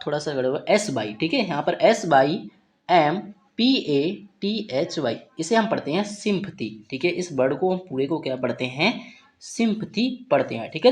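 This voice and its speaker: A woman's voice: sits low, darkish tone. A woman teaching an English vocabulary lesson, spelling words out letter by letter and checking in with a repeated "okay" after each point.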